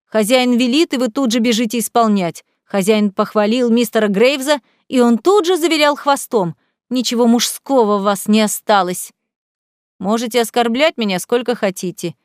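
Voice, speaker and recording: A woman reading an audiobook, voicing a frightened but defiant young woman held prisoner, with sharp, indignant speech. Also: moderate pace, dry recording, studio quality, lightly acted. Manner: sharp, indignant, higher-pitched.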